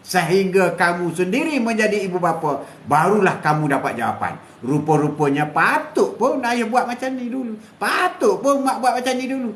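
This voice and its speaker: Chuckling older grandpa preaching. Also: male voice, high voice, fairly bright tone, a little hiss or hum. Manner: preachy and repetitive, chuckling often. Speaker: host. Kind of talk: live stream moral talk. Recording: echoey room.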